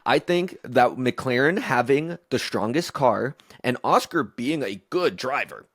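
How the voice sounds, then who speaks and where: A man's voice: medium pitch, lively intonation, a little slow, fairly bright tone, dry recording, studio quality. A man co-hosting a podcast in casual chat, playful and speculative, stretching words for emphasis. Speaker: podcast co-host.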